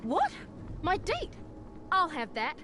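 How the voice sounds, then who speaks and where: A woman's voice: very high-pitched, huge pitch swings, slow, sharp tone, slight background noise, heavily acted. A woman playing a brash, cagey young tech tinkerer in a video game, with a sarcastic, cheeky, slangy delivery. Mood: sardonic, wary.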